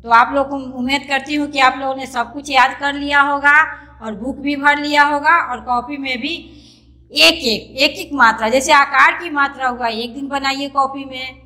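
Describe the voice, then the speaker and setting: A primary school teacher with a high, sharp voice and an Indian Hindi accent teaches young children online. Patient and repetitive, she calls pupils "beta" and spells words out letter by letter.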